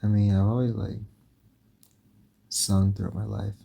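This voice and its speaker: A man's voice: lowish voice, flat delivery, unhurried, creaky, mellow. A young man reading fanfiction aloud and chatting between chapters, tired and sore-throated, rambling with lots of fillers. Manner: rambling, full of fillers and restarts. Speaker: fanfiction reader and commentator.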